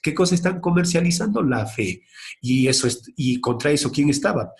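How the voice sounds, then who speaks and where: A man teaching a class of young students in a history lesson. He keeps asking questions and then answers them himself, with his pitch jumping up and down as he talks. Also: animated, normal speed, vocal fry.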